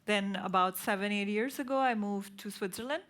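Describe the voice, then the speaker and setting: A woman raised in India, giving a brisk, matter-of-fact introduction of her tech career on a conference panel. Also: medium pitch, a bit bright. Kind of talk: panel discussion.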